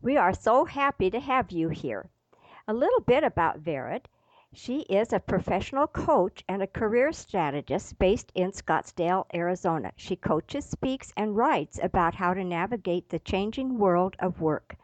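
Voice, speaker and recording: A woman's voice: mid-range voice, very animated, measured pace, darkish tone, no echo. A woman hosting a podcast, introducing her guest with upbeat enthusiasm. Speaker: podcast host. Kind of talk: interview hosting. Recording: dry, dull lo-fi sound.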